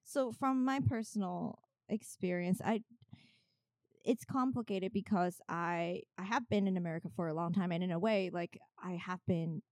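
Telling stories in a relaxed, conversational way, a young Chinese woman being interviewed brings them to life by acting out what people said. She speaks at a moderate pace with a fairly low pitch, and the recording has no room sound.

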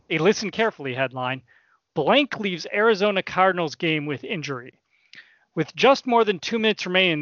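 A man's voice: high voice, pushed and bright, no room sound, muffled recording. A man hosting a casual sports podcast, reading out old headlines as quiz clues and teasing the guessers. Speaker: podcast host running a trivia quiz.

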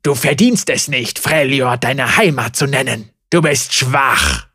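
A giant male tiger spirit made of ice, vicious and contemptuous, as a male narrator puts him on. He drags out each word in a slow, husky growl. The reading is dry and close, like a storybook. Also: medium pitch, big pitch swings, sharp tone, dry recording, exaggerated voice. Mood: scornful.

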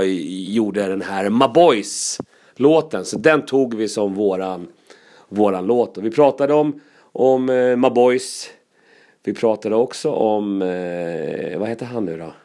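A comedian telling casual, lively anecdotes, with laughs and asides. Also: male voice, lowish voice.

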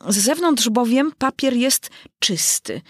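Nervous, fawning storybook rabbit courtier, high and lively, voiced by a woman. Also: slow pace, breathy edge, dry recording, clean studio sound, full character voice. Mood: servile.

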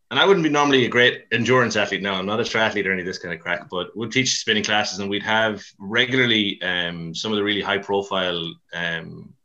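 As a podcast guest, a CrossFit coach from Mayo and Dublin, Ireland, gives a casual, rambling interview in a colloquial west of Ireland accent, with a self-deprecating touch. His voice sits low and sounds pushed and bright, and the audio is dull.

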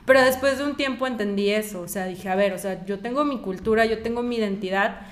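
A woman's voice: medium pitch, fast. A Mexican woman speaking as an interview guest, talking at length with many fillers and acting out remembered conversations. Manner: talkative, fillers, acts out quoted exchanges.

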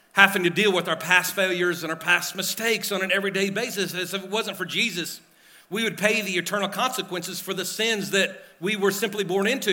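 A pastor with a drawl delivers a sermon through a pulpit microphone in a church sanctuary. His voice is sharply bright and forward. He talks earnestly, circling back over his phrases with plenty of filler words. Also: fairly high pitch. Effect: speaking at a pulpit microphone.

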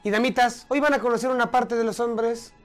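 A man's voice: very high-pitched, fairly even intonation, brisk, faint music behind. A man with a Mexican accent hosting a comedy podcast, profane and joking in loose banter. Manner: profane, joking, does mocking voices. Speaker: podcast host.

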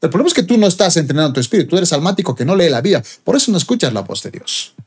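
Emphatic man preaching with lively pitch. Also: racing, breathy edge. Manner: emphatic, rising to high stressed peaks. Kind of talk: sermon.

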